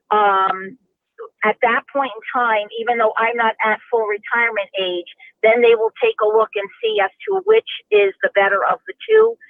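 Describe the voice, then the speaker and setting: A woman's voice: on the high side, no room sound. A woman in her sixties calling in to a talk show, rambling and restarting her questions as she asks them. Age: 60s. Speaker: caller. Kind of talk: call-in question. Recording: tinny phone line.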